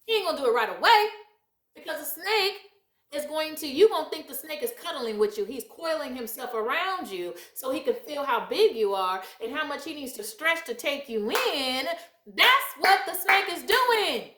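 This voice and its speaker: A woman's voice: high voice, lively intonation, moderate pace, a bit bright, reverberant. A woman giving blunt life advice in a casual, emphatic and preachy monologue, laughing often.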